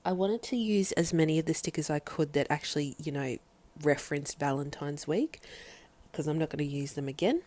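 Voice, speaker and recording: A woman's voice: low-pitched, a little fast, dark tone. A young, heavily pregnant woman, slightly out of breath, casually narrating a craft tutorial as a vlogger. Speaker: planner vlogger.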